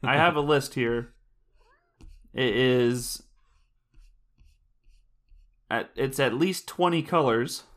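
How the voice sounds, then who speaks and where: A man's voice: mid-range voice, slow pace, pauses often, a bit bright. Laid-back rambling podcast host, male. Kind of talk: casual chat.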